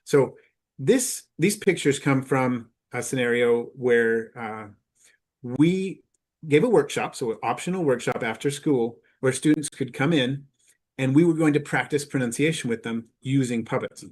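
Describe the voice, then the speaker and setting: A man presenting at a teachers' conference in a mid-pitched voice. He explains carefully and unhurriedly, pausing on "uh" and restarting phrases as he walks through his examples. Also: a little mellow. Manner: measured, explanatory, with frequent "uh" fillers.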